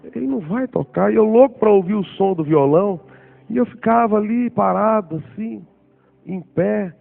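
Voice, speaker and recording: A preacher in his forties shares his testimony during a sermon, animatedly telling the story and acting out what people said in different voices. His voice sits high, gravelly, at a normal speed, and the recording sounds tinny, like a phone.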